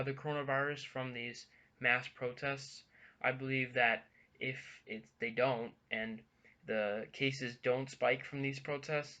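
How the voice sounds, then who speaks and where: Earnest young man with a bright, lo-fi voice. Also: mid-range voice. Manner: halting, many ums and restarts, earnest. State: a bit out of breath. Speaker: vlogger. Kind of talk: casual news commentary vlog.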